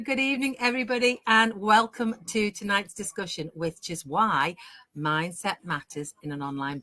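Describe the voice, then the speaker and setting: Bright-voiced upbeat woman in her sixties. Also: lowish voice, dry recording. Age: 60s. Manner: enthusiastic, upbeat. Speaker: host. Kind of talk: live online panel hosting.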